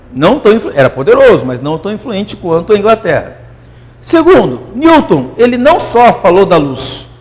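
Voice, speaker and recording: A man teaching physics in a classroom lecture, euphoric and animated, constantly checking that students follow. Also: high voice, long reverb tail.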